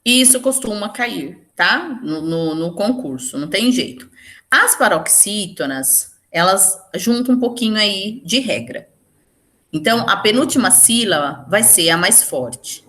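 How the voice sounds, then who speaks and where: A woman teaching grammar for an exam-prep class, with a mid-range voice. She walks through rules step by step, often checks in with her listeners, and slows right down to stress each example word. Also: mid-range voice, expressive, a bit bright. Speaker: Portuguese teacher.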